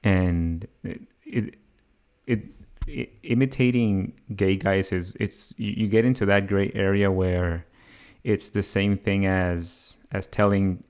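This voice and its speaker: A man's voice: low voice, fairly even intonation, takes it slowly, darkish tone, smooth. A young man hosting a podcast, chatting casually with many hesitations and restarts. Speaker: podcast host. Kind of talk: casual conversation.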